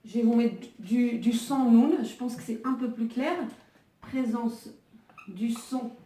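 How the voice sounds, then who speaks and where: A woman's voice: a little high, fairly even intonation, slow, warm tone. Woman, online language teacher, hesitant with fillers, echoey room, distant mic. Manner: hesitant, many fillers and restarts while writing. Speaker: Arabic teacher.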